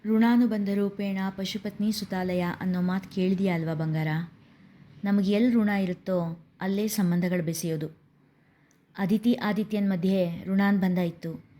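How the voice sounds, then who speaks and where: A woman voicing a warm older mother who gently soothes her tearful daughter in a storybook reading. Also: medium pitch, steady tone, moderate pace, natural voice. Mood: soothing. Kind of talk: storybook narration.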